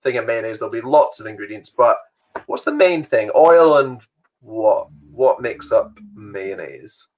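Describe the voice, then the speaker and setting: A man's voice: mid-range voice, expressive, a little slow, dull audio. A young man hosting an online youth quiz from home, chatty and rambling, laughing often. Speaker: youth group host.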